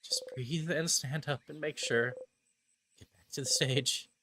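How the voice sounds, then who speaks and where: A man voices a panicked young traveler caught in time loops for a dramatic video game voice-over, pleading and obsessively repeating words in anxious self-soothing. His fairly high voice is a little slow with fairly even intonation, and the background is noisy.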